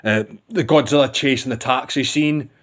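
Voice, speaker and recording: A man's voice: mid-range voice, normal speed. A man giving a casual, rambling film review with enthusiasm, often restarting his sentences.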